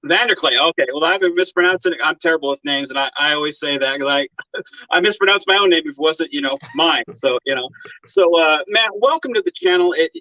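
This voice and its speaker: A man's voice: fairly high pitch, expressive, brisk, pushed and bright, no echo. A man hosting a casual interview, rambling and repeating himself with lots of you-knows. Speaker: interview host. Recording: dry, dull lo-fi mic.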